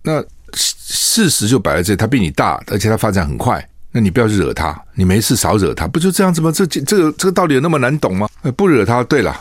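Older man, animated radio commentary. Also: lowish voice, quick pace, no room sound, clean studio sound. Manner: animated, rhetorical questions, emphatic. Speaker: radio talk show host. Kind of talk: casual political radio commentary. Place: radio studio. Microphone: studio microphone.

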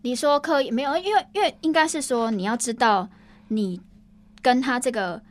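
A woman's voice: high-pitched, normal speed. A woman in her thirties with a Taiwanese Mandarin accent, chatting casually on a podcast and acting out the people she quotes. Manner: animated, acts out quoted people in put-on voices. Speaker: co-host, former TV news worker.

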